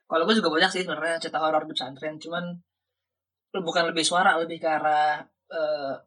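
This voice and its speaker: A young man hosts a casual podcast at home, talking fast with a bright, husky edge. He jokes around and keeps urging the story along, heard from a little way off the microphone. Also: a little high, level tone. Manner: quick, joking, eager listener. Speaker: podcast host. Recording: distant mic in a room at home.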